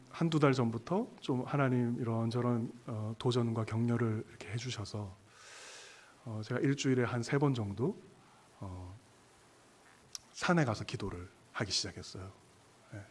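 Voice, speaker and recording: Male pastor, husky tone, chatty storytelling sermon, lots of fillers, talks straight to the pews. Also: mid-range voice, a little slow, pauses often. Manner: conversational, many fillers, addresses the congregation directly. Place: church sanctuary.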